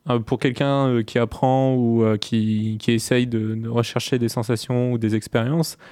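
A man's voice: medium pitch, little pitch movement, normal speed, dark tone, clear, resonant tone, no room sound, clean studio sound. A man from France on a discussion panel, speaking casually in a hesitant, tentative way.

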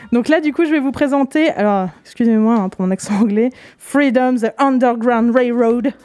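A French woman co-hosting a radio show, presenting a board game in relaxed chat, hesitant with many fillers. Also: a little high, fairly quick, no room sound. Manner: chatty, hesitant with many fillers, laughs easily. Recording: radio studio with faint music behind.

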